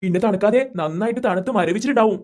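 A man voicing a gentle, easygoing cartoon father who reassures his children. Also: high voice, rapid-fire, background noise, natural voice.

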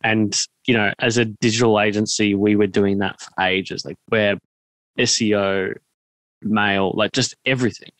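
Speaking into a boom-mounted studio mic at close range with headphones on, an Australian man in his thirties hosts a podcast, posing meandering, tentative questions conversationally. His fairly low voice is steady and a bit bright at normal speed; there's no echo, but the recording quality is low.

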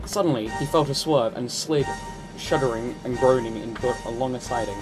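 A man from the United Kingdom narrating a children's storybook in an animated, expressive way. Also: mid-range voice, moderate pace. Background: background music.

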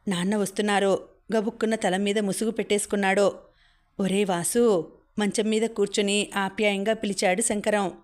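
A woman reading a story aloud as an audiobook narrator, in a steady, even storytelling manner. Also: mid-range voice, brisk. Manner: even, steady reading, voicing characters' lines within the story.

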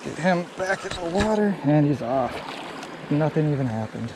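A young fishing vlogger with a somewhat high voice talks to viewers at a normal speed as he fishes by a creek and pond, relaxed and casual. His head-mounted action camera captures clear audio with running stream water and outdoor noise behind him.

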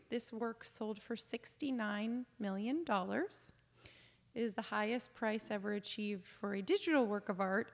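Woman lecturing with long reverb. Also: on the high side. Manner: conversational, many ums, enthusiastic asides. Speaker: auction house business development director giving a lecture. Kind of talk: informal lecture over slides.

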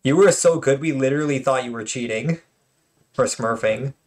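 A man's voice: mid-range voice, moderate pace, darkish tone, slight background noise. A man hosting his own channel and commenting casually on tournament replays, chatty and joking, with lots of fillers and restarts.

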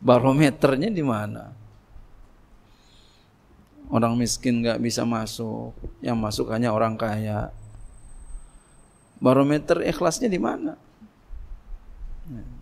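Gravelly-voiced man lecturing casually. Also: medium pitch, expressive, takes it slowly, pauses often, a little mellow. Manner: conversational, repeats phrases, asks rhetorical questions. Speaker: Islamic boarding school teacher. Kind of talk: religious lecture.

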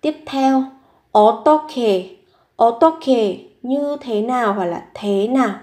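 Her voice is on the high side and darkish, and she takes her time. As a Korean language teacher, she patiently repeats vocabulary and asks herself questions while unpacking example sentences in an echoey room.

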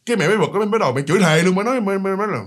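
Southern vietnamese guy, high voice, rapid animated ghost storyteller. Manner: animated, stammering repeats. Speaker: storyteller host. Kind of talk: casual ghost story telling.

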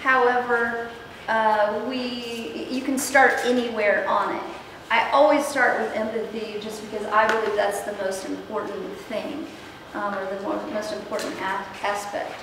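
A middle-aged woman leads an interactive workshop in a large meeting room with a projector, upbeat and checking in with the room through frequent questions and lots of ums. Her voice is fairly high, level, unhurried and somewhat bright. There's no mic, only a far-off camera, so the audio is distant, echoey and noisy.

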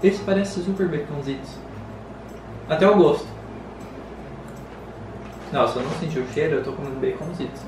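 A man's voice: fairly high pitch, moderate pace, long pauses, noisy background. A Brazilian man vlogging a casual snack taste test, chatting with his mouth partly full. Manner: chatty, reacting while chewing. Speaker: vlogger host. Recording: very echoey room, distant mic, music behind.

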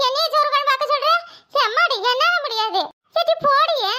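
A woman voicing a grumbling, sharp-tongued older village mother-in-law in a cartoon, scolding and complaining. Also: extremely high pitch, expressive, normal speed, slight background noise, pitched above the performer's own voice, heavily acted. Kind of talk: cartoon voice acting.

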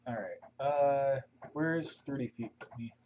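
A man playing a tabletop game, speaking quietly and hesitantly with many pauses. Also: medium pitch. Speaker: player. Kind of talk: casual tabletop game play. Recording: lo-fi table recording with hiss.

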